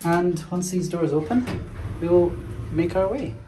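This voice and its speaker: A man's voice: sits high, measured pace. A young man vlogging casually about transport, enthusiastically pointing out details of a lift he is filming on a handheld camera. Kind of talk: casual on-location commentary. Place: lift inside a mountain station. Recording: echoey room with loud ambient noise.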